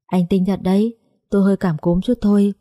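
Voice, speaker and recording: A woman's voice: medium pitch, little pitch movement, fairly quick, dark tone, no echo, clean studio sound, lightly acted. A woman voicing a sad young woman journalist who brushes off concern. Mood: evasive.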